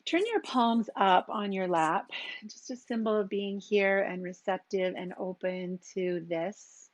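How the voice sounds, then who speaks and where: A woman teaching a yoga class, giving calm and gentle cues for breath and posture with long pauses. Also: medium pitch, dry recording, dull audio. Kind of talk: guided yoga and meditation instruction.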